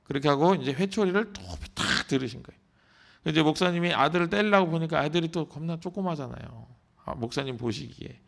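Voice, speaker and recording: A man's voice: a little high, a little fast, creaky, fairly bright tone. A male pastor preaching at an early-morning prayer service, telling a story and asking the congregation questions. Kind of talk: sermon. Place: church.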